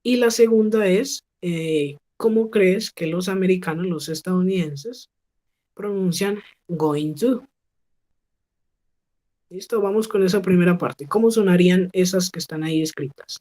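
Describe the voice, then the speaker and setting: Slow, patient woman teacher. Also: on the low side, warm tone. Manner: patient, slow model pronunciation with frequent check questions. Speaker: English teacher. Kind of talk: online class instruction. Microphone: video call.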